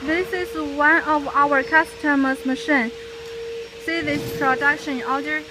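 A woman from a company's sales team walking viewers through the factory in simple, halting phrases with pauses. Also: sits high, fairly even intonation, noisy background. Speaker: sales representative giving a factory tour. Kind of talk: casual guided tour narration. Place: large factory workshops and yard.

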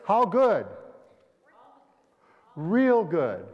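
In a church sanctuary, a man leading Sabbath school talks things over with his class and asks them questions. His high-sitting voice swings hugely in pitch, and he draws out his words. The recording is dull and echoey in the church hall.

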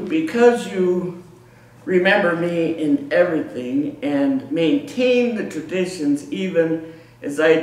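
A middle-aged man preaching a sermon in a small church, emphatic, with frequent repeated words and restarts. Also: fairly high pitch. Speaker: pastor. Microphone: far room camera. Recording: echoey church room from far off.

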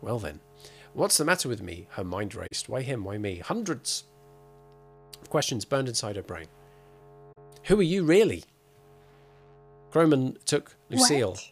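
Male streamer, middle pitch; casual, playful commentary with hammy dramatic readings. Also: very animated, moderate pace, slightly rough. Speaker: game streamer. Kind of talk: casual gameplay commentary, reading in-game texts aloud.

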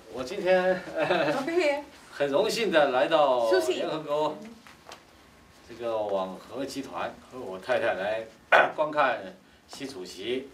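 A man, a film director, giving halting, informal remarks at an exhibition, with frequent fillers and pauses. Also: medium pitch, a bit bright, a little hiss or hum. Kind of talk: casual on-site remarks. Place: large indoor exhibition hall. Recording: echoey hall from far off.

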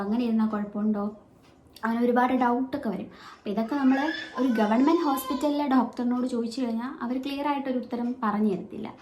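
A woman's voice: fairly high pitch, dark tone. A woman with a Malayali accent telling a personal story in a casual vlog, chatty and full of fillers, recorded without a microphone. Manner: chatty, explains with many fillers and restarts. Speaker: vlogger. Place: at home with her baby nearby. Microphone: no microphone, phone or camera mic. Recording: echoey room, faint background noise.

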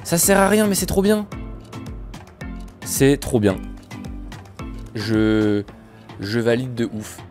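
A man giving casual, joking commentary while playing a bus driving game, with his voice jumping up in pitch when excited. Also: slow pace, long pauses, soft background music. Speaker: gaming video creator.

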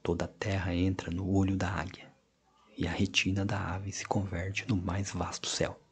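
A man narrating an audiobook of short stories in a measured, expressive reading with hushed passages. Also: sits low, husky. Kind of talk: scripted narration.

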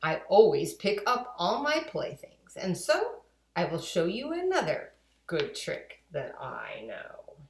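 A woman's voice: fairly low pitch, wildly swooping pitch, slow pace, full character voice. Woman playing the Cat in the Hat, swooping, theatrical. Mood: breezy confidence. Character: breezy, theatrical male trickster cat. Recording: roomy home kitchen echo.

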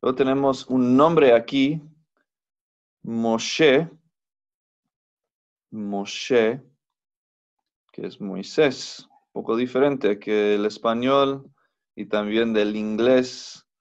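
A man teaches a recorded language lesson at a very slow, unhurried pace. He is patient and says each word several times over for pronunciation. The audio is a bit dull and lo-fi. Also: medium pitch. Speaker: biblical Hebrew teacher.

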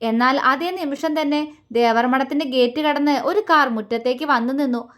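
High-pitched woman reading a romance story aloud, expressive. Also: moderate pace. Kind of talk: romance audio story narration.

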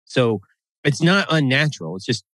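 A man's voice: medium pitch, sing-song, normal speed, fairly bright tone, dry recording. A man co-hosting a podcast in casual chat, talking bluntly and emphatically and swearing freely. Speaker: podcast co-host.

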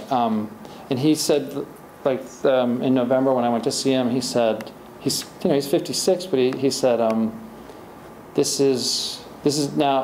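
A middle-aged man, the author at a library talk, answers audience questions from the podium in a rambling, conversational style full of restarts. His voice is mid-range and darkish, and the indoor event room gives roomy echo and faint hiss through the podium mic and far camera.

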